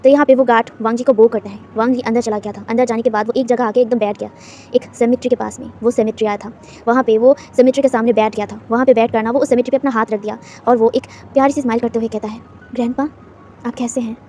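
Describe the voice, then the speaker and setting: A woman narrating a fan fiction story in a rapid, casual retelling full of fillers and restarts. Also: on the high side, fairly even intonation, mellow, a little hiss or hum.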